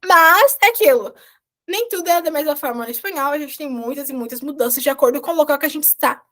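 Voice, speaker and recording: A woman with a high voice, Portuguese her first language, leads a recorded beginner Spanish lesson. She explains in a chatty, informal way, keeps checking in with her students, and talks into a computer mic. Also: fast talker, a bit bright. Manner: chatty, explanatory, often adds "tá, gente?". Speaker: Spanish teacher.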